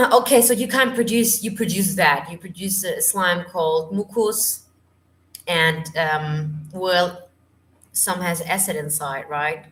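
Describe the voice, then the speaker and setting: A woman's voice: on the low side, slow pace, fairly bright tone. A woman vocal coach, tired, chatting through a live Q&A and hunting for English words. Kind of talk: live stream Q&A. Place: home.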